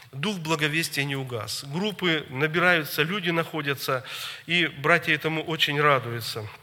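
A man's voice: fairly high pitch, bright, forceful tone. A man, a church minister, giving an earnest report to a church gathering and telling a story in pious phrases. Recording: long reverb of a large hall.

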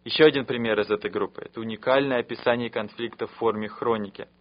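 Man, preacher, earnest measured sermon, mid pitch, dull lo-fi radio sound. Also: steady tone.

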